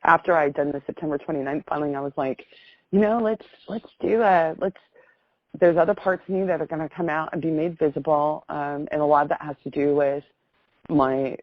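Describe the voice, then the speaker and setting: A middle-aged American woman speaks over a muffled phone line, sharing a personal story in a chatty, effusive, rambling fashion. She has a deep voice with fairly even intonation and talks fairly quickly. No room sound is present.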